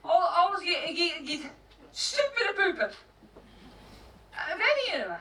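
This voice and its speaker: A woman's voice: extremely high pitch, big pitch swings, unhurried, bright, forceful tone, heavily acted. An actress on an outdoor stage playing an emotional woman who has run away from her husband, talking in a theatrical, laughing, exclaiming manner. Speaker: stage actor. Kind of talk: open-air theatre acting. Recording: distant outdoor stage recording, faint noise.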